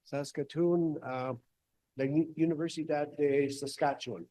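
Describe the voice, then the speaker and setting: A man with a fairly high voice gives a lecture at a slow, halting pace. He is a native English speaker with a North American accent, audible in his Spanish too, and the sound is dry and close. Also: fairly even intonation, dark tone, no room sound. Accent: North American English accent, also when speaking Spanish. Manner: halting, with short phrases. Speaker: guest lecturer. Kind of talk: hesitant conference talk mixing English and simple Spanish.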